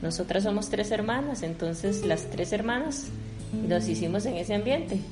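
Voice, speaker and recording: A woman, a religious sister, calmly telling her life story in a testimony interview. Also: mid-range voice, moderate pace, over music. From Costa Rica.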